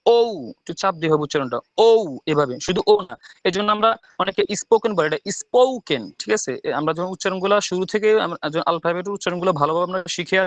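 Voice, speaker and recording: Over his phone in a village home, a man from Bangladesh gives a fast-paced online English class, frequently asking students "ঠিক আছে?". He has a high-pitched, fairly bright voice, and the audio is dry and poor.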